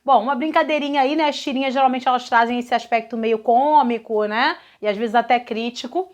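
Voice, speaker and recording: High-voiced Brazilian woman teaching grammar. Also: fairly quick. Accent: Brazilian Portuguese. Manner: patient, explanatory, checks understanding with "né?" and "tá?". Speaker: Portuguese teacher. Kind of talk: recorded grammar lesson correcting exercises.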